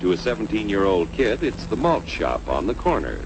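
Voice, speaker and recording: A man delivering vintage scripted cartoon narration with declamatory, measured phrasing. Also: fairly low pitch, wildly swooping pitch. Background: music.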